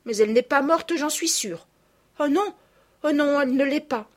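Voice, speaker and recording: A woman reading a storybook, voicing an eager, brave young girl with a high, urgent manner. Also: lively intonation, moderate pace. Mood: pleading.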